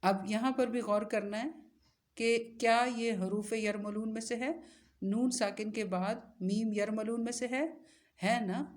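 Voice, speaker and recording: A woman's voice: a little high, steady tone. Patient woman teaching recitation rules. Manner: patient, asks questions then answers them, spells letters out slowly. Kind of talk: step-by-step recitation lesson.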